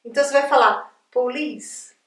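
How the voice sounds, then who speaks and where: A woman's voice: high-pitched, lively intonation, moderate pace, bright, forceful tone, far from the mic. A Brazilian woman with a chatty, upbeat manner, giving a casual video lesson as an English teacher, checking in with her viewers again and again. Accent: Brazilian Portuguese. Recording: echoey room, voice from off the mic.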